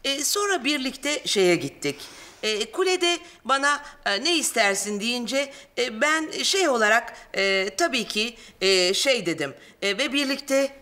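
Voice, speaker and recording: A woman's voice: fairly high pitch, animated, a little slow, pushed and bright. An older actress playing a scatterbrained grandmother who rambles and fumbles for words in sitcom acting. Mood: teasing. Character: scatterbrained grandmother, dry and teasing.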